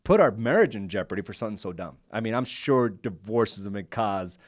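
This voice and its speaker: A man's voice: on the low side, expressive, fairly quick, dry recording. A man co-hosting a podcast in a casual chat, thinking aloud and questioning his own reactions, recorded in a studio. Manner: reflective, self-questioning. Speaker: podcast co-host.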